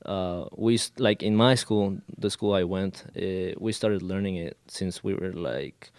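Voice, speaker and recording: Speaking unhurriedly in a low, smooth, darkish voice on a dry recording, this guest is a Colombian college student in his twenties whose first language is Spanish and who speaks English as a second language. During the relaxed interview he frequently pauses, fills gaps, and starts over.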